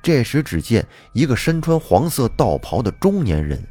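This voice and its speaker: Husky, lively male storyteller. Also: mid-range voice, normal speed. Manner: lively, animated first-person narration. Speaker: storyteller host. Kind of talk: folk tale storytelling. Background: faint background music.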